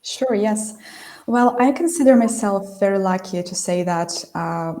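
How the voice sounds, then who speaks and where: A woman's voice: medium pitch, a little slow, mellow. A woman speaking as a panelist in an online discussion, composed and slightly formal, as if prepared. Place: video call.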